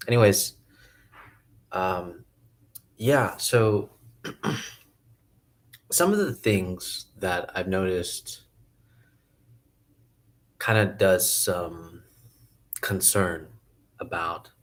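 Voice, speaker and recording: Slow, deep-voiced man thinking aloud. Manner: hesitant, thinking aloud with many pauses and restarts. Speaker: video essayist. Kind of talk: casual philosophical musing to camera.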